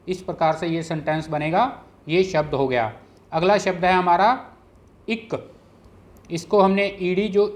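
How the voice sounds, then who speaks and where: A language teacher giving a patient, step-by-step script lesson, repeating each letter and word slowly and ending with an earnest appeal to viewers. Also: medium pitch. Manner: closes with an earnest channel appeal.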